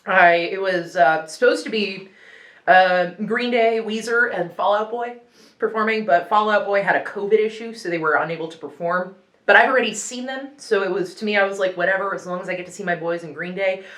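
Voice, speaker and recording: Chatting casually during a hot wing challenge, a young radio news presenter who grew up speaking Ukrainian laughs, rambles, and reacts to the heat. Her medium-pitched, slightly bright voice moves fairly quickly and echoes in the room.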